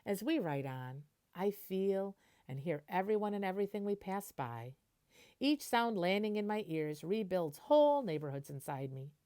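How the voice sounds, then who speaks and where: Reading a children's picture book with lots of animation, a woman stops now and then to explain and translate what's happening. Her voice sits on the low side.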